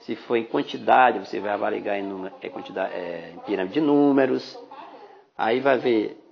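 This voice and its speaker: A man's voice: lowish voice, normal speed, vocal fry, lo-fi sound. A man with a Brazilian Portuguese accent teaching biology exam questions in a chatty podcast lesson, often checking in with listeners. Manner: chatty, addresses listeners as "galerinha", frequent "né?". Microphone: phone recorder app.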